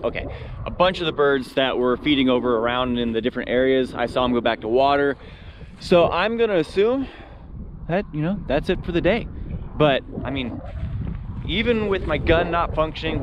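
A man talking excitedly to his action camera outdoors in a field, vlogging his solo hunt. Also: a little high, lo-fi sound, noisy background. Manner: excitable, talkative, quick to gush. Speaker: hunting vlogger. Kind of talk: solo hunting vlog.

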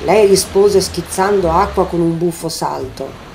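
A woman's voice: on the low side, measured pace, gravelly, noisy background. Woman reading a fairy tale. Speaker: storyteller. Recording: loud music bed behind.

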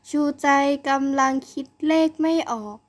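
A woman reads a children's school story aloud as a bedtime story. Her delivery is calm and steady, and her voice sits high. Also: measured pace.

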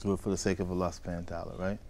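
An American man with a fairly low voice teaches a group of children through a story. He asks questions again and again and draws answers from them in a call-and-response style. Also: level tone, racing, darkish tone.

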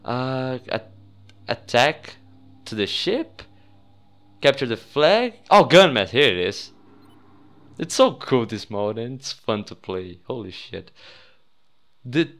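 A young Brazilian man, a native Portuguese speaker with a Brazilian accent, hosts a gaming video with excitable, casual, sweary commentary. His mid-range voice is clear and resonant.

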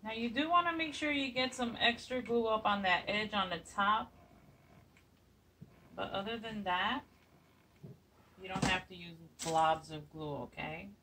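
Speaking at a measured pace with long pauses, a woman in her forties hosts a casual DIY craft tutorial in her home kitchen. Her mid-range voice has a sharp tone, though she stays chatty and upbeat with many fillers. A phone camera a few feet away makes the mic sound distant, with slight background noise.

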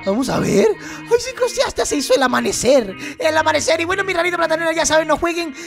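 A man hosting a game playthrough, excitable and full of exclamations to his viewers. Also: very high voice, fast, creaky, faint music behind. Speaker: gaming channel host.

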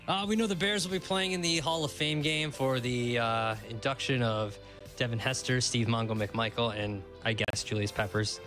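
A man's voice: mid-range voice, fairly even intonation, moderate pace, fairly bright tone, soft background music. A young man at a radio studio mic, reading sports news items steadily with frequent fillers. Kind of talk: casual news rundown. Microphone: studio mic with headphones.

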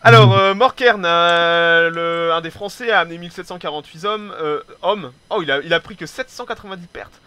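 An excitable man commentating a game replay at a rapid clip. His voice sits high and bright, and he swears casually as he goes. He stumbles and restarts his phrases often. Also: clear, resonant tone, no room sound. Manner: excitable, swears casually, peppers speech with "hein"; hesitant restarts and repeated words.

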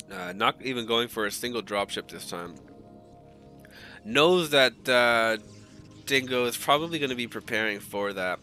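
An esports caster gives live commentary on a strategy game match, his play-by-play rambling and casual, with frequent restarts and occasional swearing. His medium-pitched voice has a bright, forceful edge yet still sounds groggy from just waking up, and he speaks unhurriedly with long pauses. Faint music plays beneath him.

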